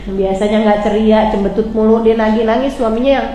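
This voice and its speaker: A woman's voice: on the high side, fairly even intonation, fairly quick, warm tone, roomy sound, rough recording. A woman religious teacher telling a story in a casual, chatty way, often addressing her listeners as friends.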